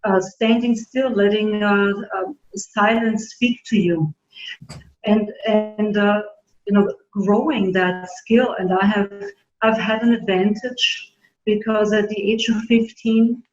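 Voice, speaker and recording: A middle-aged woman from Germany, raised in Austria, telling her story in an interview, earnest and halting with many fillers. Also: medium pitch, fairly even intonation. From born in Germany, grew up in Austria. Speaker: naturopathic doctor, guest. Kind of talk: casual interview talk. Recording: dull roomy audio.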